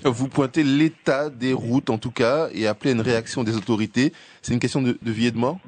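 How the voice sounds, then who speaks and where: A man hosting a radio interview, asking measured questions with occasional fillers. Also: medium pitch, fairly even intonation, darkish tone. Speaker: radio host.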